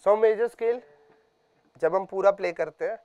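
A guitar teacher patiently drills each point, repeating it again and again and checking in with his students often. He speaks at a normal speed in a voice that sits high, with faint guitar playing in the background.

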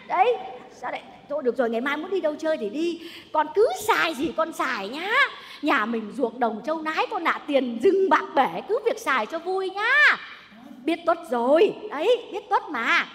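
A woman plays a bossy old mother-in-law in a stage comedy sketch. The voice sits very high and swings widely with a bright, sharp edge, nagging and scolding at length. A long hall reverb trails behind her from the stage recording. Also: very animated, moderate pace. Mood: doting. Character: domineering old mother-in-law, loud and shrill.

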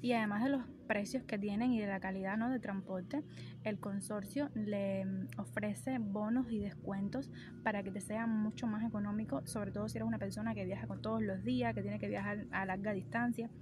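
Out on a street lined with trees, a young vlogger from Cuba speaks enthusiastically to the phone camera at arm's length, her accent Cuban Spanish. The voice is medium-pitched and steady, at a moderate pace. Street noise can be heard behind her.

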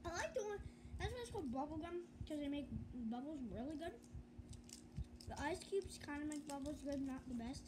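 High-voiced woman chewing gum over loud fan hiss. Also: expressive, fairly quick. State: talking while chewing gum. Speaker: vlogger tasting gum. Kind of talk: casual tasting chat. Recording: loud fan noise behind. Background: fan running.

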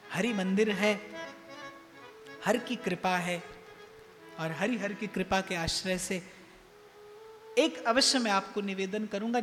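A man's voice: high voice, fairly bright tone. A man giving a devotional sermon in a temple hall, speaking emphatically and repeating phrases for effect. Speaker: spiritual discourse speaker. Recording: long hall reverb, faint music behind.

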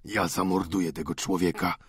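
An old, frail father speaks in a husky, halting voice, as an audiobook reader plays him, swinging between tenderness and rage. The recording is close and dry. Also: sits low, fairly bright tone, no echo, heavily acted. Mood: cold. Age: older. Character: elderly doting father, frail, furious with grief.

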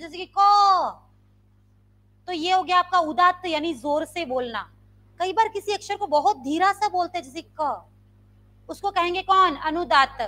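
A woman Sanskrit teacher, teaching a live online grammar class and quizzing her students with repeated questions. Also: extremely high pitch. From India. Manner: quizzing students with repeated questions, demonstrating loud and soft sounds.

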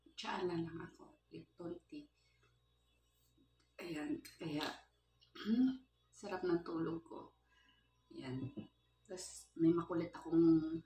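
A middle-aged woman talks to her phone camera in a home kitchen, unhurried and low-pitched. She chats casually, laughs a lot, and drops English phrases into her talk. The room sounds echoey, with a faint hiss of household noise behind her. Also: a little mellow. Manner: chatty, laughs often, mixes English into Tagalog. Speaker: vlogger, household helper. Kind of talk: casual vlog chat. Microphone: phone on a stand.

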